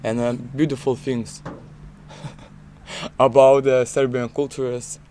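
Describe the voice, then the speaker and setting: Young man with dark mellow voice. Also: medium pitch, level tone, slight background noise. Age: young adult. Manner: simple halting phrases. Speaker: youth exchange participant.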